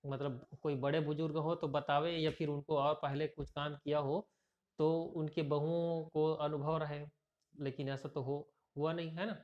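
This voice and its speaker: A man's voice: a little high, little pitch movement, normal speed. A male teacher reading a story aloud and explaining it, with frequent fillers and restarts. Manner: rambling with repeated fillers. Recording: dull lo-fi recording.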